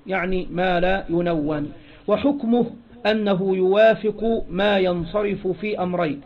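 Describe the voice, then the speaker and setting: A man teaching grammar in a lecture, asking questions and answering them himself, repeating key phrases and reading quoted text slowly. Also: high voice. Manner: reads quoted text louder and slower. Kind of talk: classroom lecture explaining a text. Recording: dull lo-fi recording.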